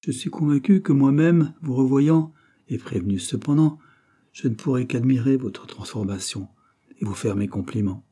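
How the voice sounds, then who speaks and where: Man doing sly masked bandit boss, gallant, husky and dark, kinda loud. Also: medium pitch, moderate pace, voice pushed up, lightly acted. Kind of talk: audiobook character voice.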